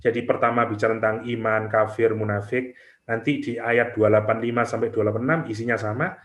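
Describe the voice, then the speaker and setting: Emphatic preacher with a lilt. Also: male voice, lowish voice, steady tone, fast, fairly bright tone, roomy sound. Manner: emphatic, with rhetorical questions and prayer-like asides. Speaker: Islamic preacher. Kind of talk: sermon.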